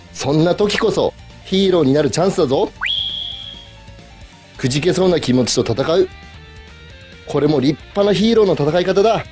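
A man's voice: on the high side, a little mellow, close to an everyday voice. A man playing a cheerful hero with a twang. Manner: bold heroic cheer, talking to small children. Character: cheerful male superhero, kind and encouraging.

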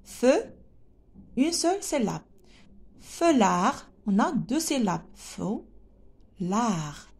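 A woman teacher with a North African lilt to her French, leading a phonics lesson for small children. Her voice sits fairly high, and she drags every word out very slowly, sounding out each letter and syllable with care. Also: very animated, vocal fry, darkish tone, husky. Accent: French spoken with a North African lilt. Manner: slow, drawn-out, careful sounding out of letters.

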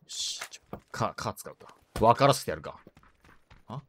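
A woman live-streaming a shooter game in casual chat, rough and tough-talking, joking, reacting loudly to the game and greeting viewers. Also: a bass voice, expressive, moderate pace, a little hiss or hum.

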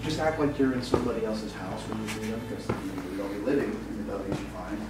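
A man's voice: fairly low pitch, fast talker, over loud music. A man exploring an abandoned church and school on a casual vlog, talking to viewers and exclaiming in awe at what he sees. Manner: awed, exclaiming, laughs easily. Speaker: urban explorer. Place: large abandoned brick church, indoors.

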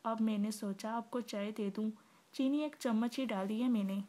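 A woman's voice: fairly high pitch, normal speed, warm tone, close to an everyday voice. A woman reading an eager, over-explaining young woman. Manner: rambling, explanatory.

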